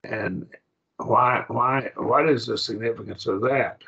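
A man teaching a Bible Greek class, halting and repeating himself, often checking that the class follows. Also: medium pitch, gravelly, sharp tone, husky, dull audio. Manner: halting, repeats words, asks the class if it makes sense.

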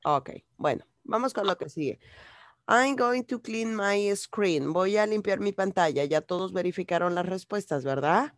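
A woman's voice: medium pitch, expressive, measured pace, dry recording. A woman teaching English to young children in an online class, patiently repeating each phrase in Spanish. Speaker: primary school English teacher.

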